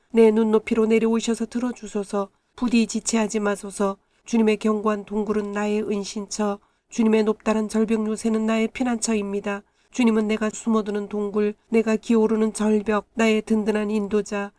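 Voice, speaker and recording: Woman scripture reader, calm measured Bible reading, mellow even voice, dry close sound. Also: mid-range voice, dry recording.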